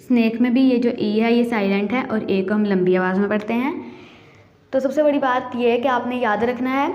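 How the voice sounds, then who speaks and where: A woman's voice: on the high side, normal speed, a little mellow, echoey room, dull audio. A woman teaching young children English phonics in Hindi, saying each word over and over and stretching out its vowel sounds. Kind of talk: phonics lesson for kids.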